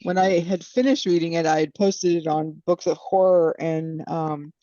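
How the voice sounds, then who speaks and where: Woman, mellow voice, slightly dull dry sound, hesitant chatty podcast talk. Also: deep voice, moderate pace, no echo. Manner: hesitant, lots of fillers and "you know". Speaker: podcast panelist. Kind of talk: casual book discussion.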